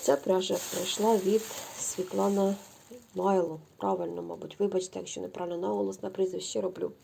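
A woman's voice: mid-range voice, fairly even intonation, quick pace, vocal fry, warm tone, slight background noise. A middle-aged woman, chatting effusively to viewers as she shows knitting yarn at home. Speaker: knitting vlogger. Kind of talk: casual show-and-tell chat.

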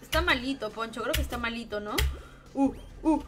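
A young woman with a Peruvian accent, streaming games and chatting with her viewers, swearing and breaking into excited yelling. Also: on the high side, fast, noisy background. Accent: Peruvian Spanish. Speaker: gaming streamer. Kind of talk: casual livestream chat while gaming.

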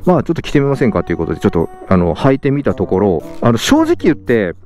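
Lively, chatty man in a motorcycle helmet. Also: medium pitch, fast talker, faint music behind. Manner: chatty, frequent fillers and self-corrections. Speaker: motorcycle vlogger. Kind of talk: casual vlog talk. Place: outdoor parking lot. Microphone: helmet-mounted mic, speaking inside a full-face helmet.

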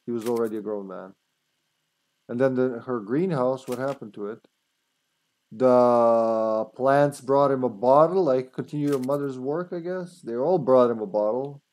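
A man's voice: medium pitch, moderate pace, a little mellow. A man in his thirties giving casual, rambling, joking and sweary commentary as he plays a video game. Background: faint game music.

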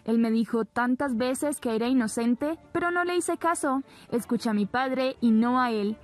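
A woman's voice: fairly high pitch, normal speed, lightly acted. A woman reading the lines of a young woman pleading for her love in an earnest, slightly raised voice.

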